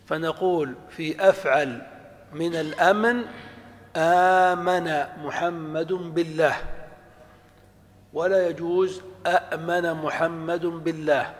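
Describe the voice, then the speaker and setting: A man's voice: on the high side, in a large hall. A male professor giving a classroom lecture, putting questions to the class and answering them himself. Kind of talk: classroom lecture on Arabic morphology.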